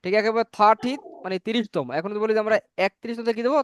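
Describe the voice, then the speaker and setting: A man teaching a spoken English class, repeating each number slowly so learners can say it after him. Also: high-pitched, fairly even intonation, smooth, no room sound.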